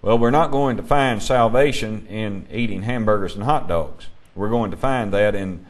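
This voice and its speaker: A man teaching a Bible class, emphatic and measured, putting questions to his students. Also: fairly low pitch.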